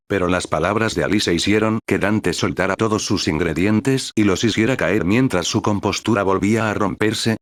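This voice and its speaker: A man reading a fanfiction aloud in a steady, even narration. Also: low voice, no echo, clean studio sound. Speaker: fanfic reader.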